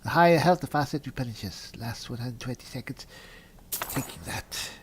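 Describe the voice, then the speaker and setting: A gaming video host and player talks politely in character, musing aloud while reading in-game descriptions, mixing roleplay with game commentary. His voice is mid-range and moderately paced, with slight background noise.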